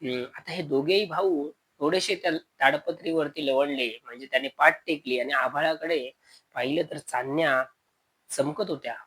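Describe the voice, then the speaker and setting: A man's voice: fairly high pitch, moderate pace, a bit bright, slightly rough, poor audio. A man with a Konkan Marathi accent narrating a spoken village horror story, acting out frightened calls to a missing brother.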